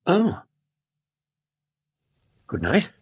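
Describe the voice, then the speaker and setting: An actor playing an earnest Victorian gentleman doctor in a radio drama, speaking politely and questioningly with an English accent. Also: very slow, muffled recording. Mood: cordial.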